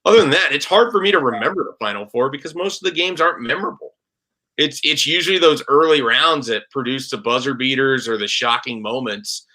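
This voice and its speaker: A man with a bright, forward voice chats loosely about sports as a guest reporter. He rambles in a relaxed, conversational way, filling gaps with frequent "like"s. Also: medium pitch, a little fast. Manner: chatty, rambling with frequent "like" fillers. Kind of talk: casual podcast conversation.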